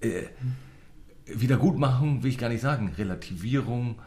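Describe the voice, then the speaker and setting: A man in casual chat who pauses often and restarts his sentences. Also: medium pitch, darkish tone. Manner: hesitant, many fillers and restarts.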